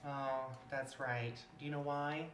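A man hosting a casual podcast chat, high and relaxed, rambling with lots of fillers. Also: a little slow, roomy sound, a little hiss or hum. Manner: laid-back, rambling with fillers. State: high on cannabis. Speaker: podcast host.

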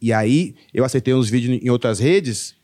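Homem contando histórias com muito palavrão. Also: male voice, mid-range voice, normal speed. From Brazil. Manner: profane, animated storytelling with acted quotes. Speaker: stand-up comedian guest. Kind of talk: casual podcast chat.

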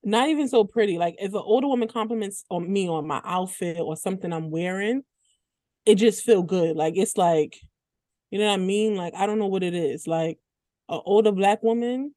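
A woman's voice: mid-range voice, moderate pace, mellow, no room sound. A woman co-hosting a podcast, chatting casually with many "like" fillers and laughing as she tells stories. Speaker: podcast co-host. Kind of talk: casual chat.

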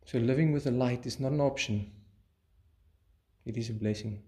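A man offers a guided meditation in a medium-pitched voice. His delivery is soothing and unhurried yet measured, with brief phrases broken up by pauses.

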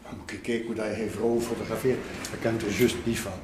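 Quick-paced and level in tone, the lowish voice of an older Flemish art collector comes through an interview full of casual stories and repeated little tags. There's background noise, roomy echo, and music behind him.

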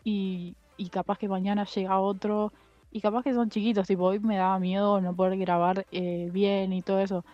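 A woman's voice: mid-range voice, level tone, normal speed, warm tone, no echo. A young woman co-hosting a casual podcast chat, talking hesitantly with many fillers and restarts. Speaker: podcast co-host. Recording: dull muffled sound with faint music.

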